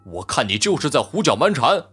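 An actor playing a proud, touchy male robot inventor in an audiobook, boastful and quick to take offense. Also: mid-range voice, very animated, fairly bright tone, slightly rough, soft background music, exaggerated voice. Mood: indignant. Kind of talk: audiobook character voice.

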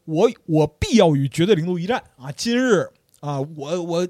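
A man's voice: a little high, expressive, normal speed, darkish tone, no echo, clean studio sound, natural voice. A man doing a raging vengeful ninja. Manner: storyteller's theatrical declaiming, stammering repeats. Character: vengeful undead male ninja warrior. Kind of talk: storytelling podcast acting.

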